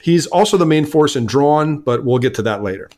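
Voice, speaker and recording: A man's voice: a little high, lively intonation, fairly quick, a little mellow. A man co-hosting a casual music podcast, talking with enthusiasm, often stammering and restarting his sentences. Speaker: podcast co-host.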